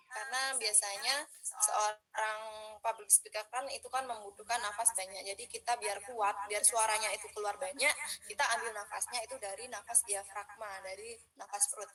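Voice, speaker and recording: Bright-voiced young woman coaching public speaking. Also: mid-range voice, rough recording. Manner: chatty, many fillers, coaching breathing drills. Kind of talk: casual online workshop talk.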